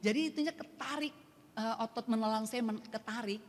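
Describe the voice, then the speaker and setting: An older woman sharing a personal faith testimony at a church prayer group, earnest and emotional, moving between soft and emphatic speech. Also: fairly high pitch, fairly quick. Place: church hall. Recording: echoey hall with long reverb.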